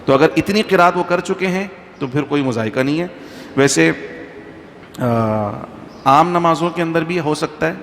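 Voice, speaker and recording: A man's voice: fairly high pitch, fairly bright tone. Reverberant male preacher in a mosque. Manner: conversational, anecdotal, chants Quranic verses slowly. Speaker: mufti giving a religious talk. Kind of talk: informal religious talk to a congregation. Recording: faint background noise, long reverb.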